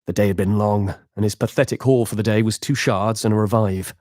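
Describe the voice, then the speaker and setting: A man with a fairly low voice tells a dramatic tabletop epilogue at a measured pace. The sound is dry and close, with no room around it. He reads it as game master, in a scripted style. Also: fairly even intonation, darkish tone, no echo.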